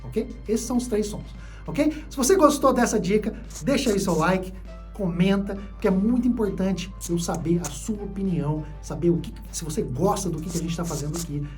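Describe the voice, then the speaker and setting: A man's voice: high voice, normal speed, soft background music. A man with a Brazilian accent teaching a video lesson, patient and repeating key points for his students. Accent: Brazilian Portuguese. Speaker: English teacher.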